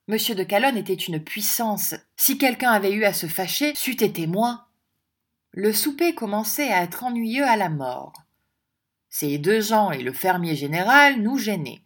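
A woman narrates a classic novel in audiobook style. Her reading is composed and expressive, with a voice of middling pitch.

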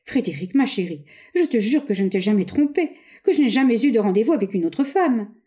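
A woman's voice: a little high, animated, fairly quick, mellow, voice pushed up, lightly acted. A woman reading aloud, voicing an exasperated husband, a naturalist, in a plain, impatient way.

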